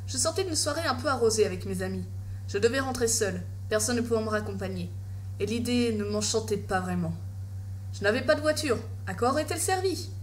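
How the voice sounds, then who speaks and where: A woman's voice: a little high, a little hiss or hum. A woman reading a scripted first-person horror story as its narrator.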